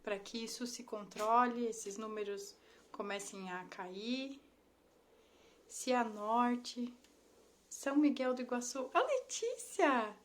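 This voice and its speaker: Slow high-voiced woman on a live stream. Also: fairly even intonation. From Brazil. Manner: warm, affectionate, greets viewers by name. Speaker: Instagram live host, ThetaHealing instructor. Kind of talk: casual live stream chat, greeting viewers. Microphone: phone or laptop mic on a live stream.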